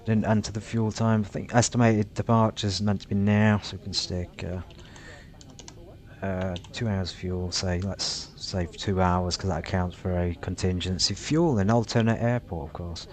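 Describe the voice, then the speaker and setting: A man narrating his flight simulator session casually and haltingly, muttering to himself between pilot radio calls. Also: little pitch movement. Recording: rumbly background noise.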